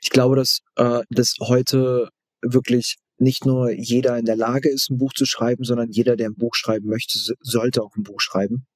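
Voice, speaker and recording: A man speaking casually as an interview guest, haltingly repeating phrases for emphasis. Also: medium pitch, level tone, no room sound. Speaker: guest expert in book marketing.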